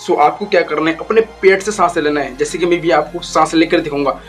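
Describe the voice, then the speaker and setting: With faint music in the background, a young YouTube voice coach explains training tips in a casual, instructive manner, often repeating points and using English phrases. His voice is fairly high, with fairly even intonation and a fairly quick pace.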